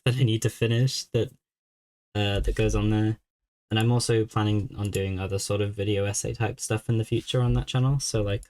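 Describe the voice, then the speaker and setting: Low-voiced young man streaming casually. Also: a little mellow. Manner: easygoing, thinks aloud while puzzling. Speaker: game streamer. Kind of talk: casual live-stream chat.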